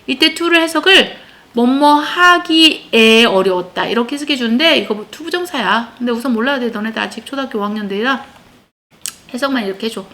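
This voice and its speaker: Female teacher for a kids' class, high and bright, quizzes and repeats phrases for the children. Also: fairly quick. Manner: checks in often with her pupils, lively and drilling. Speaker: English teacher. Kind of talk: classroom lesson explaining an English text.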